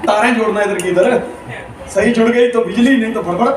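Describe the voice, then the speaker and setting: A man's voice: sits high, fairly quick. A man giving a live motivational seminar, telling humorous stories and acting out characters with animation. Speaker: motivational speaker. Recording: echoey hall, distant mic, crowd noise.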